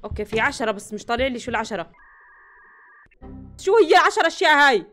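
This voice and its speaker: A woman with a Levantine Arabic accent hosting a let's play, talking through the game excitedly and breaking into panicky bursts of repeated words. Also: high-pitched, quick pace, soft background music. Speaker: gaming channel host.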